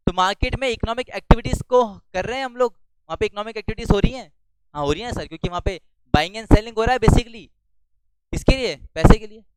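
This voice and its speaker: A high-pitched male teacher, lecturing loudly in a classroom. His voice is smooth and clear, and he asks the class questions before answering them himself. The sound is dry and close. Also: no room sound, low-quality recording.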